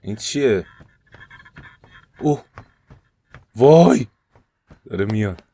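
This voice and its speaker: A man with an Iranian Persian accent doing let's-play commentary as a gaming YouTuber. He swings between loud panicked yelps and hushed, tense muttering. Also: lowish voice, animated.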